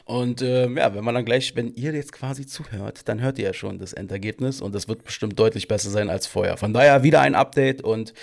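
A man's voice: mid-range voice, brisk, vocal fry, hardly any pauses. A man hosting a casual podcast, chatty and teasing, often laughing. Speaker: podcast host. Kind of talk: casual chat.

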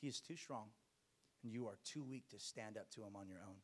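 A man's voice: on the low side, a little fast. A man preaching a sermon to a congregation, exhorting them emphatically with rhetorical questions and repeated phrases.

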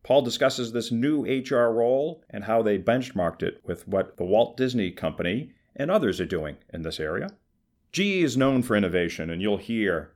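A man hosts a podcast interview. He speaks in a low, measured and friendly way, asking clear questions. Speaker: podcast host.

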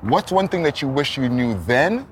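A man's voice: medium pitch, lively intonation, moderate pace. A man hosting a casual, slangy interview. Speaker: host interviewer. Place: outdoors in a neighbourhood. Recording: faint outdoor background noise.

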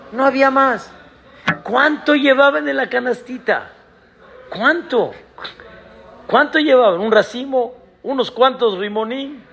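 A rabbi giving a sermon, pressing the congregation with emphatic rhetorical questions. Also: male voice, high-pitched, a bit bright.

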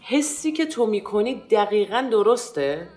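Animated woman podcast co-host. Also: medium pitch, faint music behind. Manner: animated, acts out quoted lines, laughs easily. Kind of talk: casual chat.

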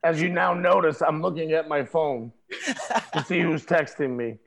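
Man, slightly high voice, streetwise, emphatic, video-call chat. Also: normal speed, vocal fry, a little hiss or hum. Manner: streetwise, emphatic, fillers like "you know what I mean". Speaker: interview guest, wrestler. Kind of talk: casual video-call interview.

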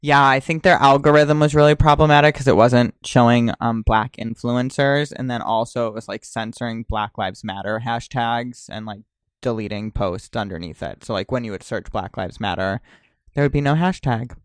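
Co-host: man, mid pitch, smooth clear voice with fry, dry sound. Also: fairly even intonation, normal speed, no room sound. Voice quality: vocal fry. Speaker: podcast co-host. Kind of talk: casual chat.

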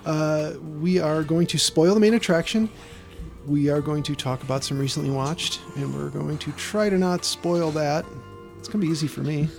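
A man with a slightly high, creaky voice hosts a podcast in casual chat. Faint music can sit behind him. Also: moderate pace, darkish tone. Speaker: podcast host. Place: small garden shed.

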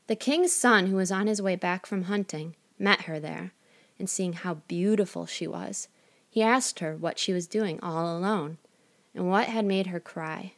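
Calm, low-voiced woman reading a tale. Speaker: narrator. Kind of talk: storybook reading.

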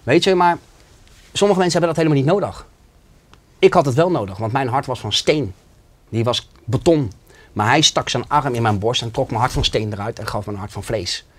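A man's voice: mid-range voice, a little fast, fairly bright tone, slightly rough. Man, interview guest, earnest and emotional personal testimony.

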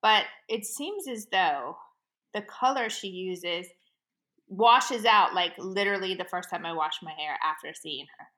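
A woman in her forties co-hosting a podcast, telling animated stories with frequent laughs. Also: fairly low pitch, a little slow. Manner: animated storyteller, laughs often. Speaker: podcast co-host. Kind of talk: casual chat.

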